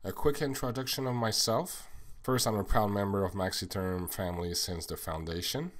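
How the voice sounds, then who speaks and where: A French-Canadian sales manager from Quebec, whose first language is French, walks earnestly through a slide presentation one item at a time. His lowish voice stays fairly even and moves at a moderate pace, and his plain explanations carry a Québécois French accent.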